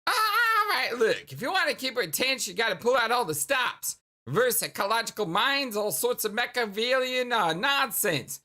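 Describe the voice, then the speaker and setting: A woman voicing a brash, upbeat, cocky young guy in a video game, talking casually and emphatically. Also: fairly high pitch. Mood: encouraging. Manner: animated, casual, drawn-out emphatic words.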